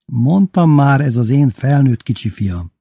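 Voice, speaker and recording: A man's voice: medium pitch, lively intonation, vocal fry, slightly rough, no room sound, muffled recording, voice pushed up. A man voicing a middle-aged father who speaks in short, dry remarks. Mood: amused.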